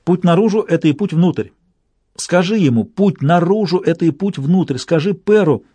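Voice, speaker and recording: A man's voice: sits high, expressive, normal speed, warm tone, husky, no room sound, pitched above the performer's own voice. A man voicing an eerie tiny talking bird that chirps short words over and over. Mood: eerie chirping.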